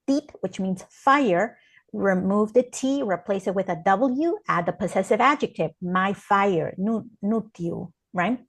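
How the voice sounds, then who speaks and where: A woman unhurriedly walks students through a language lesson. She explains each example one step at a time in a steady mid-range voice. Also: medium pitch. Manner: slow, careful step-by-step explanation. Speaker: interpreter and co-teacher. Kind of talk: classroom lesson explaining grammar.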